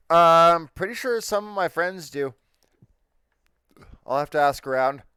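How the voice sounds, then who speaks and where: A man's voice: on the high side, slow, sharp tone, clear, resonant tone, dry recording, clean studio sound. A man in casual chat over an online voice call, telling a rowdy story with laughs and swearing. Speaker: tabletop game player. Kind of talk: casual chat before a game session.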